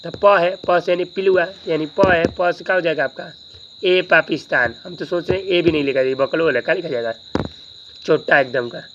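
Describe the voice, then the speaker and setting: A man's voice: a little high, brisk, highs cut off, noisy background. A male teacher giving a grammar lesson, who keeps asking the class questions and answering them himself, with joking asides.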